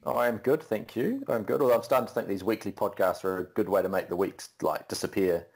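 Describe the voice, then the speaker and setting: A man co-hosting a casual podcast, relaxed and joking, explaining with filler words. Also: on the low side, brisk, gravelly, breathy edge. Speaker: podcast co-host.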